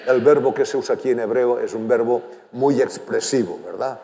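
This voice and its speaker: A man preaching a sermon, earnest, swinging from loud emphatic lines to hushed ones. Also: mid-range voice, moderate pace, gravelly, reverberant, long reverb tail. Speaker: pastor. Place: church hall.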